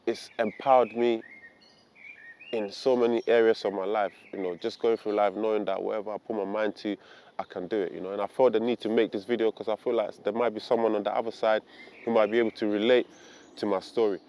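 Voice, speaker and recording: Low-ish voiced guy from ghana telling his story, earnest, lots of "you know". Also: level tone, fast, a little mellow. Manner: earnest and reflective, with frequent "you know" fillers. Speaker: vlogger. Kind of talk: personal storytelling to camera.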